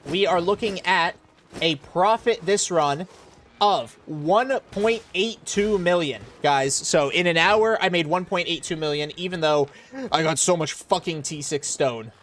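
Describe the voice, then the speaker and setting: A man's voice: fairly high pitch, unhurried, fairly bright tone. A young American man from Florida, casually talking through a live game stream and answering chat. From Florida, USA. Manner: chatty, explains while playing, reads chat aloud.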